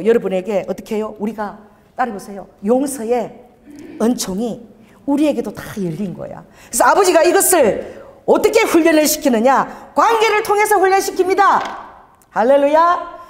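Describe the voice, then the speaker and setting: An older woman pastor preaching a sermon, calling for responses from the congregation. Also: on the high side. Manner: call-and-response preaching, animated. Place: church sanctuary. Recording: church hall reverb.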